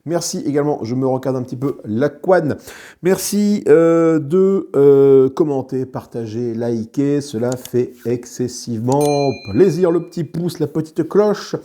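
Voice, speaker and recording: A man talks through a solo board game session in a relaxed, chatty way, often trailing off into hesitations and joking at his own expense. His voice is mellow and dark, sitting at an ordinary middle pitch. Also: normal speed, hardly any pauses. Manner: chatty and self-mocking, with many hesitations. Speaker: board game video host. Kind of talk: casual solo playthrough commentary.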